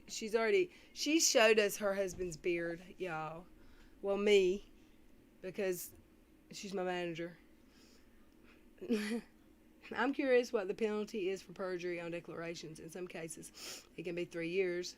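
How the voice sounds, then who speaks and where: A woman's voice: fairly low pitch, steady tone, fairly bright tone. Woman doing casual livestream commentary. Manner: frequent throat clearing, pausing to read comments. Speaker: livestream commentator reacting to clips. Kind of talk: casual reaction commentary, reading live chat. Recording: faintly noisy livestream audio.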